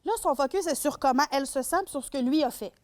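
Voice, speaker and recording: A woman's voice: high-pitched, quick pace. A woman with a Québécois accent giving a public lecture as a shelter worker on domestic violence. She speaks animatedly and acts out scenarios. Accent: Québécois French.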